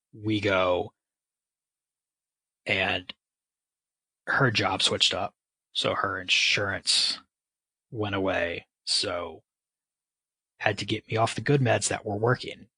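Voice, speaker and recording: Guy with a husky, bright voice, dry close sound, talks straight with sarcastic little jokes at himself. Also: fairly low pitch, steady tone, slow pace, pauses often, no echo, low-quality recording. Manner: self-deprecating, sarcastic asides. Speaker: podcast guest. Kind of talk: candid personal storytelling.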